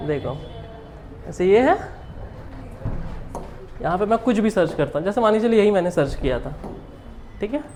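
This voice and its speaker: A man's voice: high voice, expressive, moderate pace, pauses often, a little mellow, slight background noise. A man teaching English grammar to a live class. He keeps quizzing his students, mixes Hindi with English, and chuckles often.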